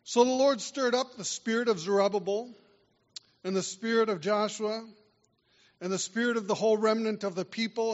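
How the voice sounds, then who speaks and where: Preacher with a high voice in an echoing hall. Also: male voice. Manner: emphatic preaching with wide swings in loudness. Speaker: pastor. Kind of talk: sermon. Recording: dull lo-fi sound in a reverberant hall.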